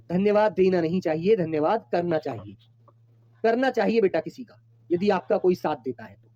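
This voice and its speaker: A man's voice: sits high, mellow, no room sound, lo-fi sound. A man teaching a Hindi exam-prep class online, calling his students his children and repeating each point patiently.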